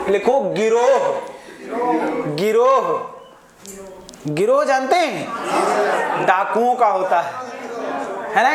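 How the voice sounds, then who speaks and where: A man teaching Hindi grammar to a live class, repeating each word several times and often asking his students if they follow. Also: extremely high pitch. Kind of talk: classroom lecture. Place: echoey classroom full of students. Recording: echoey classroom with student chatter.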